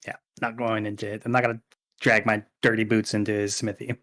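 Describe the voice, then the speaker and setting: A man's voice: on the low side, little pitch movement, fast talker, fairly bright tone. A man playing in a tabletop game who speaks hesitantly and stumbles over his words. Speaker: player. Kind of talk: casual tabletop role-play.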